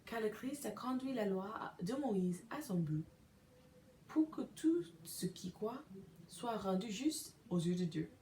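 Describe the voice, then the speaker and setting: A woman hosting a podcast, reading scripture aloud slowly and carefully from her bedroom, sometimes correcting herself. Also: medium pitch, lively intonation, mellow, slight background noise. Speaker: podcast host reading a daily devotional. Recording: echoey room recording.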